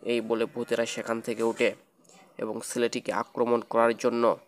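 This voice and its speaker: A man's voice: mid-range voice, monotone, moderate pace. A man narrating a children's cartoon ghost story in a plain, repetitive storytelling manner.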